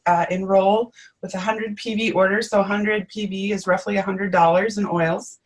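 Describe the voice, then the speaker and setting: A woman co-hosting a live webinar, explaining things in a friendly, casual way with frequent ums. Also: mid-range voice. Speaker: webinar co-host. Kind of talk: casual presenting.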